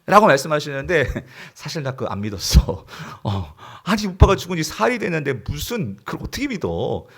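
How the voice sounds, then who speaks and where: A man's voice: fairly high pitch, sing-song, moderate pace, creaky, fairly bright tone, husky, exaggerated voice. A male pastor acting out Martha, a grown woman casually confiding in her younger sister.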